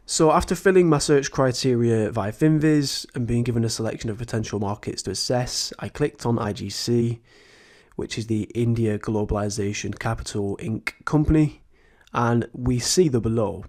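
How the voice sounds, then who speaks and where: A man with a sore throat and a slightly croaky voice, hosting a chatty, earnest tutorial as a trading educator, speaking. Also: mid-range voice, darkish tone. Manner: chatty, earnest, with frequent restarts. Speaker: trading educator, channel host. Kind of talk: tutorial explaining a method.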